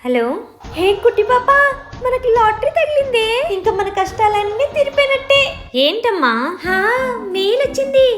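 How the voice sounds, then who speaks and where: Woman acting as a loud bossy mom, high voice, scolds and brags, music behind. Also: lively intonation, moderate pace, roomy sound. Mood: scolding. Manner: scolding, boastful, drawling. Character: bossy, scolding middle-aged mother chasing internet fame.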